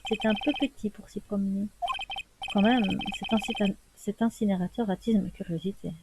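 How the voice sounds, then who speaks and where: A woman hosting a let's play, reading the game's text aloud evenly and adding soft casual asides. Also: medium pitch, steady tone, moderate pace, noisy background. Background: game music.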